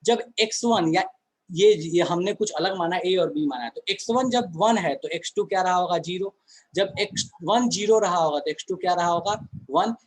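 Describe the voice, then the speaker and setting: A man's voice: sits high, normal speed, low-quality recording. A man teaching a chemistry class online in a conversational way, often asking the students questions and answering them himself.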